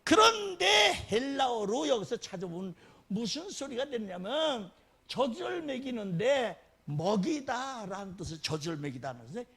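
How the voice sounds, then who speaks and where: A man preaching a sermon as a guest pastor, animated and often laughing as he tells stories. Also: measured pace, breathy edge. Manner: animated, laughing, dramatic swings in pitch.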